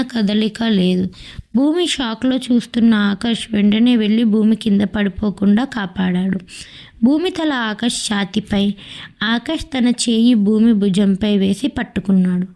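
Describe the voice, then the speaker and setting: A woman narrating a dramatic audiobook story in a steady, emotive reading. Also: on the high side.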